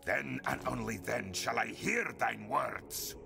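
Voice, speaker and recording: Gravelly, menacing tyrant lord. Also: male voice, mid-range voice, music in the background. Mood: imperious. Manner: pompous, archaic, drawn-out speech. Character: haughty, menacing tyrant lord of a fantasy game. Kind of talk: video game character acting.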